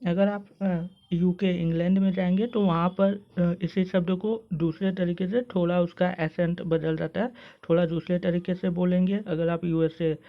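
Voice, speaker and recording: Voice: medium pitch, steady tone, moderate pace, lo-fi sound. A teacher with an Indian English accent gives a pronunciation lesson, explaining patiently with hesitant fillers and breaking words into syllables. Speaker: online teacher. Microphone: phone.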